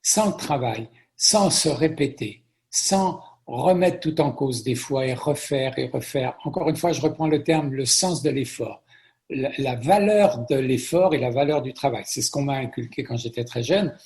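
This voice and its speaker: Middle-aged French-born man, interview guest, gravelly voice, chatty storyteller who repeats himself. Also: medium pitch, moderate pace. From France. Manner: warm storytelling with frequent repetitions. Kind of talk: conversational interview.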